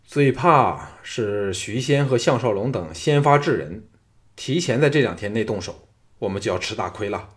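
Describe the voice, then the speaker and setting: Scheming court chancellor in an audiobook, hushed and low, voiced by a male narrator. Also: expressive, normal speed, lightly acted. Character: scheming powerful middle-aged male chancellor. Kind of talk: audiobook character reading.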